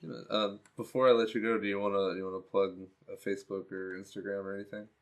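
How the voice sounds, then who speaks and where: A man's voice: on the low side, little pitch movement, fast talker. A man hosting a casual podcast interview, giving brief, encouraging replies. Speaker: podcast host.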